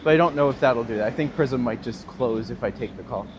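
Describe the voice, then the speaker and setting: He's a fast talker with a medium-pitched voice: a man in his 30s with a Northern Ontario accent, live-streaming an outdoor walk as a tour guide. On a city street with faint traffic, he casually chats and laughs while answering his viewers.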